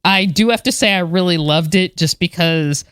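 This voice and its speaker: Chatty woman with a smooth voice. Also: fairly low pitch, moderate pace, no echo, clean studio sound. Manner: chatty, animated, many fillers and restarts. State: moved, a little emotional. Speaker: podcast co-host, space history enthusiast. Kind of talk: casual chat.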